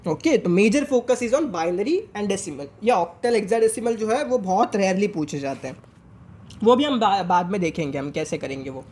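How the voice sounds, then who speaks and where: A man's voice: sits high, animated, darkish tone, slight background noise. Indian man explaining maths in mixed Hindi-English. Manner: mixes Hindi and English, slows down to dictate working steps. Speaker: maths teacher. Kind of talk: whiteboard maths lesson.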